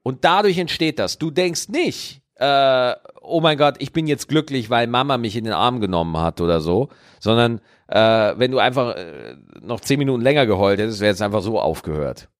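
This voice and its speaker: A man chatting on a podcast, opinionated and emphatic. His pitch swings widely as he argues his point. The sound is dry and close. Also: expressive, normal speed, few pauses, no room sound. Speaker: podcast co-host. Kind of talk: casual chat.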